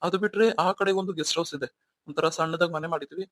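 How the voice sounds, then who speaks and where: A man's voice: fairly high pitch, fast talker, a bit bright, no room sound. A man voicing a remorseful young husband in a cartoon story, coaxing and pleading with his wife. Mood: reminiscing.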